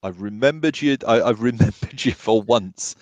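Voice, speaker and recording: A man running a tabletop horror game as game master, narrating haltingly with many ums and restarts. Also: fairly low pitch, a little mellow, no room sound.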